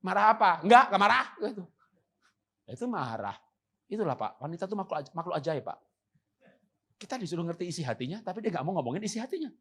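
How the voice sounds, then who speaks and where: A man preaching a church seminar sermon with humor. He acts out quoted husbands and wives and moves from loud emphasis to soft, calm passages. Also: fairly high pitch, fast talker, pauses often, breathy edge. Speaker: guest preacher. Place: church service.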